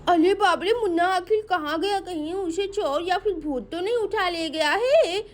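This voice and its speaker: Casting: woman as an alarmed girl, very high, doll play story. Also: normal speed.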